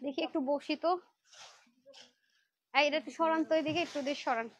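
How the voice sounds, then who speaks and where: Hosting a live clothing sale on Facebook, this worn-out woman speaks fairly quickly in a high voice with a steady tone, and there's no room sound. Her pitch is chatty and pushy toward viewers despite how tired she is.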